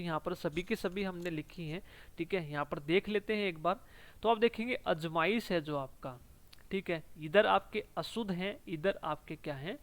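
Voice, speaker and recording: Guy with a high voice going through spelling drills, repeats words, keeps saying theek hai. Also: a bit bright, clear, resonant tone. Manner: repeats each word slowly, adds "ठीक है" constantly. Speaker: teacher. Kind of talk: exam-prep spelling lesson.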